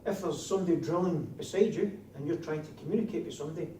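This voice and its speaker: Dark-voiced broad Scottish man, echoey room. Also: fairly high pitch, rapid-fire. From Scotland. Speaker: trainer of door supervisors. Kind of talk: classroom instruction with questions to trainees. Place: indoor training classroom. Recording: distant mic, echoey room, faint noise.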